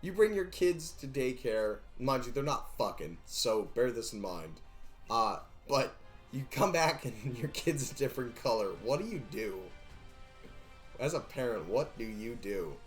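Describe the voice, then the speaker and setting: A man's voice: medium pitch, very animated, a little slow, soft background music. A young man streaming a game, chatting casually, rambling and joking as he counts eggs and sings to himself. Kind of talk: casual live-stream chatter while gaming.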